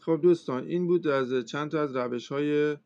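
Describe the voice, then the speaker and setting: A man giving a casual, step-by-step phone tutorial as a computer instructor, talking in a relaxed, hesitant way with many filler sounds. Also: fairly high pitch. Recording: slightly dull lo-fi sound.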